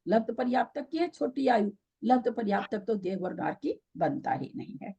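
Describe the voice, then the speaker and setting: A woman's voice: a little high, big pitch swings, moderate pace, vocal fry, dark tone, husky. A woman teaching a scripture class online, questioning her students and patiently explaining by repeating the key terms.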